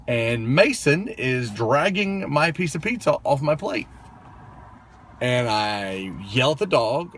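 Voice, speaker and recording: A man's voice: medium pitch, fairly bright tone. Man, 30s, casual motivational vlogger, talky storyteller, everyday mid-range voice, lots of "um" and "right?". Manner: conversational, full of fillers and tag questions.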